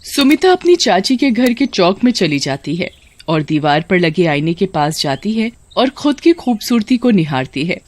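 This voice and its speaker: A woman narrating a children's story in a clear, even storytelling voice. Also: mid-range voice, normal speed.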